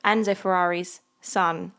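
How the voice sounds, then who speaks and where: A young woman from the South of England co-hosting a casual sports podcast, teasing and quick to laugh. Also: lowish voice, steady tone, a bit bright, smooth. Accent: Southern English. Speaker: podcast co-host. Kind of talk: casual chat.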